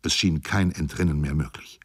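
A man reading a sea story aloud in a measured, weary, grave narrating voice. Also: very deep voice, husky, no room sound, clean studio sound. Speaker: audiobook narrator. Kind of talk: scripted narration of a sea novel.

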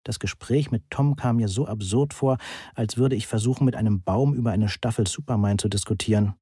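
Trockener hörbuch-erzähler, mann, trockener klang ohne hall. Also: male voice, fairly low pitch, a little fast, dark tone, slightly rough, clean studio sound. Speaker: audiobook narrator. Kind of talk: first-person audiobook narration.

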